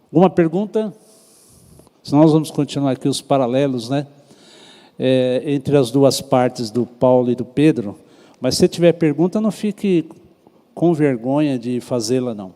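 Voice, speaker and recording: In an echoey church hall with long reverb, a Brazilian-accented pastor leads a Sunday school Bible lesson and checks in with the class often through questions. His mid-range voice has a dark tone, moving at normal speed with frequent pauses.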